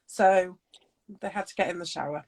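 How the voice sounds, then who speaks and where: A woman's voice: fairly low pitch, normal speed, a little mellow. A woman hosting a casual video call interview, chatty and giggly with lots of fillers. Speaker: host.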